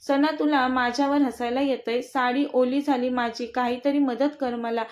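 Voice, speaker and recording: A woman's voice: high voice, fairly even intonation, normal speed, a little mellow, lightly acted. Woman voicing a fiery scolding young wife. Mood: indignant. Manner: indignant, scolding. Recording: dull lo-fi recording.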